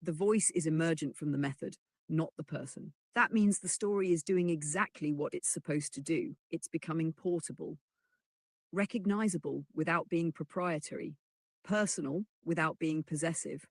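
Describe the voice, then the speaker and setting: Text-to-speech narrator for a chatbot answer, husky and gravelly, measured explainer read, dry close sound. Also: medium pitch, dry recording. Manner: measured, even explanatory delivery that reads punctuation aloud. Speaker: AI assistant reply read aloud. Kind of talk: synthetic voice reading a chatbot answer.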